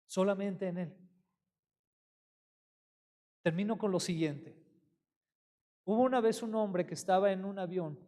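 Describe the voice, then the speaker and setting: A male pastor preaching a sermon. He tells a story with lively emphasis and puts questions to his congregation. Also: high voice, big-room sound.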